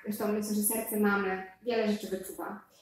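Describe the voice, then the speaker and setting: A woman in her thirties telling a lively personal story to an audience, speaking to them directly between fillers. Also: mid-range voice, normal speed, slight background noise. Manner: animated, addresses listeners directly, with fillers. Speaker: speaker giving a faith testimony. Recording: very echoey hall sound.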